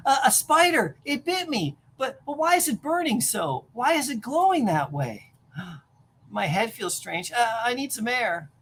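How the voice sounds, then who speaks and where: A woman reading aloud as a bullied teenage boy, speaking in excited, breathless exclamations. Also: fairly high pitch, measured pace, breathy edge, voice pushed up, exaggerated voice. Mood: alarmed.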